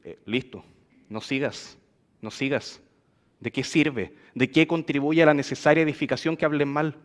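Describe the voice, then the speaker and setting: A man's voice: fairly high pitch, fairly even intonation, moderate pace. A man preaching a sermon in a church, asking the congregation questions and acting out quoted gossip.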